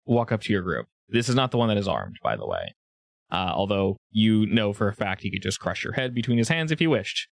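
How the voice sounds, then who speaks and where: A man's voice: lowish voice, very animated, a little fast, vocal fry, dry recording. A man running a tabletop game, narrating casually as game master.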